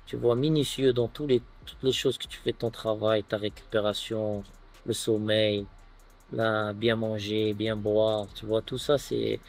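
A man in his thirties from France, a footballer guest chatting casually on an outdoor terrace, relaxed and full of filler phrases. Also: fairly low pitch, a little slow, gravelly. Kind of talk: casual interview chat.

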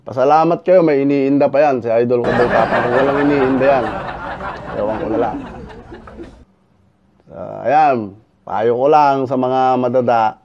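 A man giving a lively reaction commentary on a boxing video, shouting punch sound effects between remarks. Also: mid-range voice, moderate pace, pauses often, muffled recording, a little hiss or hum. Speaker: YouTuber reacting to a fight video.

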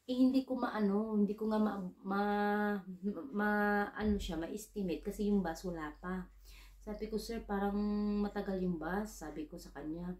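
A Filipino woman working abroad as a domestic worker tells a casual, chatty story in Tagalog mixed with English, acting out her own dialogue. Her mid-range voice is a little mellow and fairly even, at normal speed with long pauses, in an echoey room.

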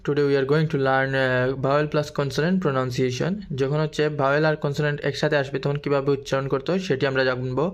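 A man teaching a language lesson, mixing in English phrases and repeating syllables slowly for drilling. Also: mid-range voice, little pitch movement. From Bangladesh. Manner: mixes English phrases into explanations.

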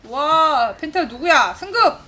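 Woman in her forties, very high voice, bright and sharp tone, excited live game commentary, laughing and shouting. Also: takes it slowly. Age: 40s. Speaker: game streamer.

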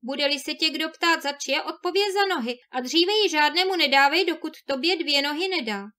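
Woman doing a grave old hermit. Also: high-pitched. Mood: commanding. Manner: calm, grave and measured. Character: kind slow-spoken old hermit man.

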